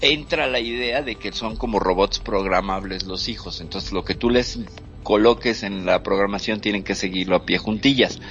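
A man hosting a talk show, lecturing in an expressive way that swings between loud and soft. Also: on the low side, moderate pace, highs cut off, faint music behind. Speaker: host. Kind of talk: reflective talk show commentary.

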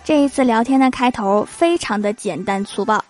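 A young woman telling comic stories about awkward chats in an amused, animated way. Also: on the high side, moderate pace, faint music behind. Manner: animated, amused read-out of chat jokes. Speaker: storyteller. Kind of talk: comic storytelling.

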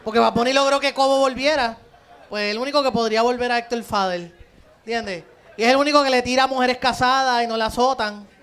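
A man's voice: extremely high pitch, fast, fairly bright tone, clear, resonant tone. A Puerto Rican man co-hosting a live podcast, cracking cheeky teasing one-liners. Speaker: podcast co-host.

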